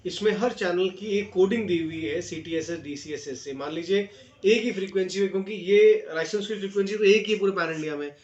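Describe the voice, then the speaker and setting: The audio is dull as an Indian man with a high-pitched voice talks a little fast through a casual unboxing review. He explains features in friendly direct address, English terms mixed in, within an echoey room marked by steady noise and clicks.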